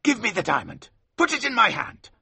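A man doing a grasping, threatening man with a high, sharp, husky voice that leaps up and down in pitch. He shouts his demands as a figure in a read-aloud storybook. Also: wildly swooping pitch, brisk, dry recording, heavily acted. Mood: greedy demanding. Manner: shrill shouting. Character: greedy, threatening grown man, shrill and grasping.

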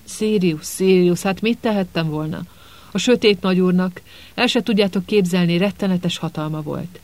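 A man's voice: sits high, no echo. A man voicing a sniveling, cowering middle-aged male traitor who whines and pleads. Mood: pleading. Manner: whining, pleading.

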